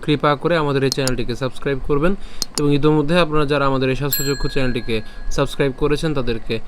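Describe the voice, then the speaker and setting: A man with a Bengali accent teaching how to recite a scripture verse, breaking words into syllables and chanting them slowly. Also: medium pitch, steady tone, slight background noise. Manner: patient, repeats syllables slowly and asks checking questions. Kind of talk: slow pronunciation lesson with chanted verses.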